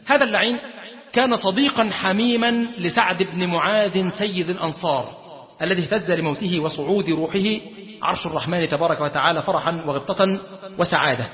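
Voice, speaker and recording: Man, Egyptian accent, high voice, storytelling sermon, acts out dialogue, long hall reverb, dull lo-fi sound. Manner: acts out quoted dialogue, slips into colloquial asides. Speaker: sheikh giving a lecture.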